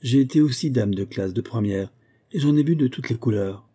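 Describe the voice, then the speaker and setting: A man's voice: mid-range voice, normal speed, warm tone, lightly acted. A man voicing a shrewd, impatient woman class mistress who lectures her friend knowingly, in a read-aloud novel. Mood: lecturing.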